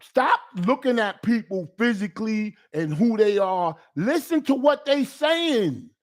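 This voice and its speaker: A high-pitched man hosting a call-in talk show. He rants with heat and emphasis, stumbling over restarts as he pushes his point. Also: sing-song, unhurried. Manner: emphatic, fired-up ranting with repeated restarts. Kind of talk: casual chat.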